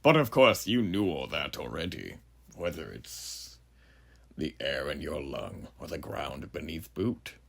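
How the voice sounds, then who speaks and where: A man playing a huge, ageless, sinister judge who muses grandly and theatrically in a horror monologue, with a gravelly, breathy voice and rhetorical questions to the listener. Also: a bass voice, very animated, measured pace, exaggerated voice. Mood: knowing, unsettling. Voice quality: gravelly, husky, breathy at phrase ends. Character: huge ageless sinister philosophizing judge, menacing male drifter.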